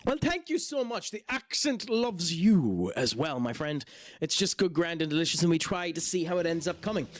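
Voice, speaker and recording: A man's voice: a little high, big pitch swings, normal speed. An Irish man streaming a game, chatting in an easygoing way and reading out chat. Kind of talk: casual live-stream chat.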